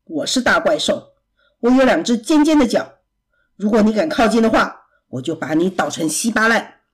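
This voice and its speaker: A woman voicing a menacing horned monster hiding in a cave, speaking in low booming threats. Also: expressive, normal speed, breathy edge. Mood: threatening.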